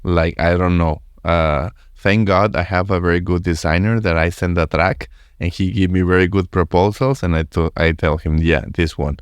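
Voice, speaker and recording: A man's voice: sits low, normal speed, hardly any pauses, smooth, dry recording. A man in his thirties with a Spanish accent, hosting a casual English interview, often restarting his sentences. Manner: stammering restarts, relaxed and friendly. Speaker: podcast host.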